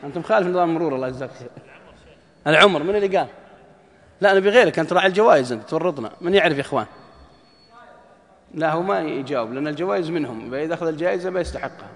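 A man's voice: a little high, racing, pauses often. A man preaching, telling stories and acting out dialogue, joking with a live audience. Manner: lively, jokes with the audience, acts out dialogue. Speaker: preacher giving a lecture. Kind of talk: religious lecture with storytelling. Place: lecture hall with live audience. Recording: echoey hall.

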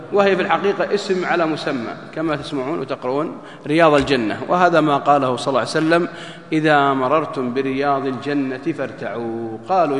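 A man preaching, telling stories and acting out dialogue, joking with a live audience. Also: mid-range voice. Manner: lively, jokes with the audience, acts out dialogue. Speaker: preacher giving a lecture. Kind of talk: religious lecture with storytelling. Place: lecture hall with live audience. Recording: echoey hall.

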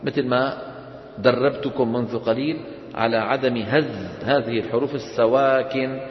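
A man's voice: medium pitch, fairly even intonation, moderate pace, slight background noise. A man teaching Quran recitation to a class, quizzing his students and having them repeat after him. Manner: questioning, drilling students call-and-response. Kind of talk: classroom instruction. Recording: echoey hall, dull sound.

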